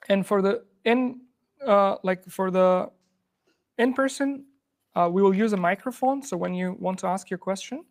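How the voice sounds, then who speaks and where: A man from Afghanistan hosts a live coding workshop to a room, chatty and loose, with many fillers and restarts. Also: sits high. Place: room with an in-person audience.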